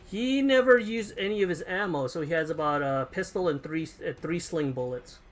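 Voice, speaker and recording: A man's voice: a little high, expressive, moderate pace, a little hiss or hum. A man running an online tabletop game as game master, casual and chatty with lots of fillers and laughs.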